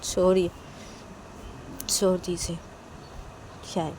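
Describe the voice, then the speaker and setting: A woman voicing a lovelorn young woman who confesses her love in a soft, halting, pleading way. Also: on the low side, little pitch movement, a little hiss or hum, poor audio. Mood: hesitant.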